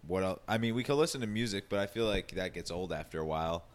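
A young man with a very low voice co-hosts a casual podcast. He tells stories in a laid-back, chatty way. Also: quick pace. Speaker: podcast co-host. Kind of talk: casual chat.

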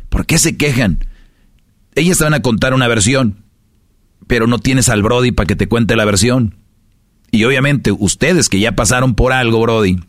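On a casual podcast, a host with a Mexican Spanish accent lectures his listeners through rhetorical questions. His voice is medium-pitched, and the clean studio sound has no echo.

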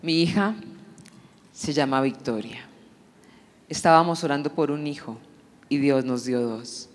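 A woman giving an emotional church testimony, telling her story in an animated way and acting out the dialogue. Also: deep voice, measured pace, a little hiss or hum. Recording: long hall reverb.

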